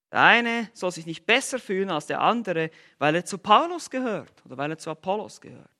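A man preaching an expository sermon, emphatic and full of rhetorical questions and sarcastic asides, swinging between loud bursts and quiet lines. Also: high-pitched.

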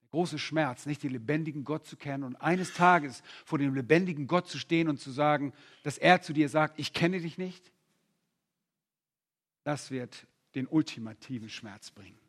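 A man preaching a sermon, his voice worn and hoarse, moving between hushed, slow passages and loud, fervent exclamations. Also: a little high. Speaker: pastor.

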